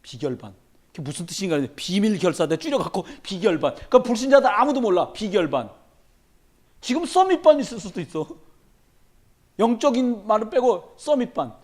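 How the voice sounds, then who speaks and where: Preaching a sermon at a midweek church service, this pastor is animated and emphatic, weaving in humorous stories. His voice sits high and moves a little fast.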